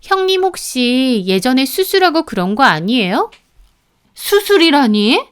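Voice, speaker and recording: A woman's voice: high voice, big pitch swings, measured pace, smooth. A woman voicing a sly, needling young sister-in-law who speaks in a snide, taunting way. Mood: insinuating.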